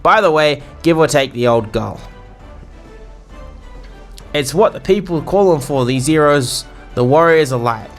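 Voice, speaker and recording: A man's voice: a little high, expressive, unhurried, long pauses, faint music behind, voice pushed up. A man voicing a boisterous, bawdy male sailor innkeeper in a put-on English pirate accent, full of salty slang. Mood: jovial. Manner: salty slang, rambling banter.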